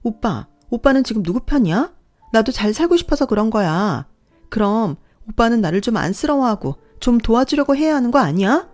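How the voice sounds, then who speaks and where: A woman voicing a furious, desperate younger woman who shrilly yells and demands in a storybook reading. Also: a little high, big pitch swings, brisk, voice pushed up. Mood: whining, pleading.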